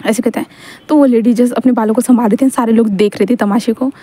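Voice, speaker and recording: A woman's voice: on the high side, fairly even intonation, fast talker, dark tone. A woman casually retelling a romance story, talking in a chatty, repetitive way with many restarts. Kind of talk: casual retelling of a fan-fiction story, voicing the characters' lines.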